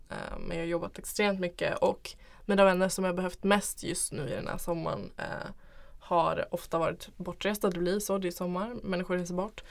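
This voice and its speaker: A young woman talks candidly as an interview guest. Her voice sits a little low and has plenty of vocal fry. She is reflective and informal in the way she phrases things. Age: young adult. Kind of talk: candid personal conversation.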